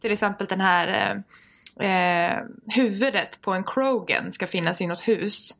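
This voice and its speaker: A young woman at a middle pitch chatting casually about video games. She is an eager fan who plays out her own excited reactions as she talks. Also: vocal fry. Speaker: podcast co-host. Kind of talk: casual gaming chat.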